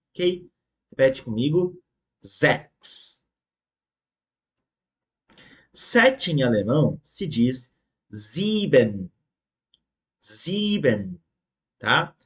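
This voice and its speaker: Slow, patient language teacher man. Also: fairly high pitch. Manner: slow, patient, repeats words for the learner; ends phrases with checking tags. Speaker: German teacher. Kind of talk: online language lesson.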